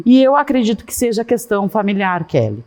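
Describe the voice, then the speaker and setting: A middle-aged woman, a guest in a casual interview, talking at length and in an animated way with many asides. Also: medium pitch, a little fast. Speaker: guest, fashion consultant.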